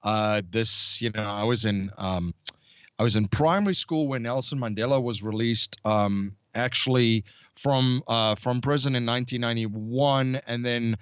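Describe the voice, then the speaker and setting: A South African man in his thirties, a guest in an interview, telling his story haltingly with many fillers. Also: medium pitch, smooth, no room sound, dull audio. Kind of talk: conversational interview.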